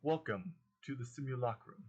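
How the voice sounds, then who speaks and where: A man voicing a calm, formal robotic simulation voice that makes measured announcements. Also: medium pitch, muffled recording, lightly acted.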